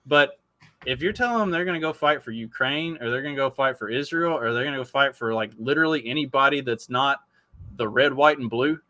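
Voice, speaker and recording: A man's voice: mid-range voice, fairly quick, sharp tone, no room sound. A man of forty talking in a casual podcast chat, profane and rambling, with many restarts. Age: 40s.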